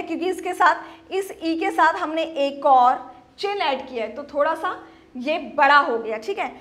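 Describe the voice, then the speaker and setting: High-voiced woman teaching children phonics. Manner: slow syllable-by-syllable sounding out, repeats "ठीक है"; patient, addresses children as "बेटा". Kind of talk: online Hindi phonics lesson for children.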